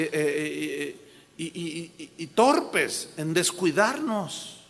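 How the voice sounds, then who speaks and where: Slow, bright-voiced pastor preaching. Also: male voice, high voice, big-room sound. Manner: emphatic, urging and warning the congregation. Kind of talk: sermon.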